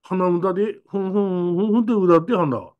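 A man voicing a rural boy who speaks in an Aomori dialect, telling his story slowly and earnestly. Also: sits high, dull audio, pitched above the performer's own voice, lightly acted. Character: rural boy transfer student, plain-spoken.

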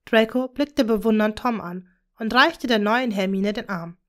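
A woman narrating a fan fiction story aloud in a calm, even reading manner. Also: a little high, measured pace.

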